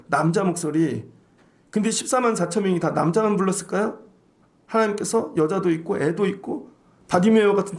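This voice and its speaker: A man's voice: high voice, creaky. A male pastor preaching a sermon, often acting out the voices of others.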